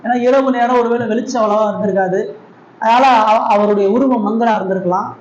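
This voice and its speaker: A man's voice: high voice, fairly quick, echoey room, lo-fi sound. A man preaching a sermon as pastor, speaking earnestly with repeated rising refrains.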